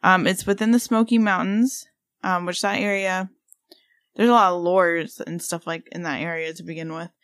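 A woman in her thirties co-hosting a casual podcast, rambling and excitable, with lots of fillers. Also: fairly low pitch, normal speed, no room sound, studio quality. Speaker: podcast co-host.

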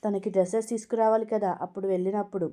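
A woman reading a storybook aloud, voicing a flustered young man who makes hurried, evasive excuses. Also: mid-range voice, flat delivery, mellow, close to an everyday voice.

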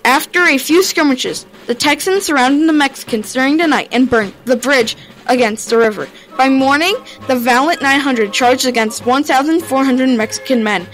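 A woman with a high, fairly bright voice reads a history narration aloud for her own video at normal speed. Her reading is informal and a little stumbling, jumping suddenly upward at every new turn in the story, and the audio is poor.

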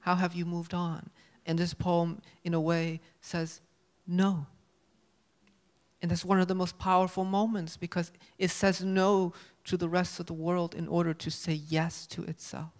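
A man moderating a stage panel, speaking in a measured, deliberate academic way into a handheld mic. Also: sits high, flat delivery. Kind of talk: poetry reading and interview question. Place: auditorium stage.

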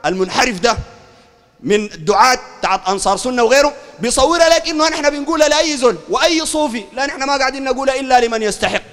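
A man's voice: very high-pitched, racing, fairly bright tone. A Sudanese sheikh with a Sudanese Arabic accent giving a heated polemical religious lecture, fiery, raising his voice and asking listeners again and again whether they understand. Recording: long hall reverb.

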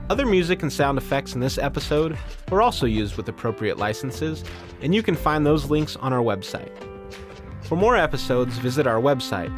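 Lively male podcast host. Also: mid-range voice. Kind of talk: scripted podcast narration.

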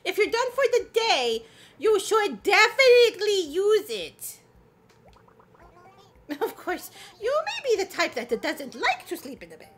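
Fussy raccoon shopkeeper played by a woman, businesslike, bright voice that keeps saying "yes, yes". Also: extremely high pitch, huge pitch swings, measured pace, a little hiss or hum, heavily acted. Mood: mock-formal.

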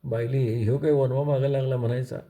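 A man's voice: mid-range voice, fairly even intonation, fast, mellow, natural voice. A man doing a teasing old villager. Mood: wry.

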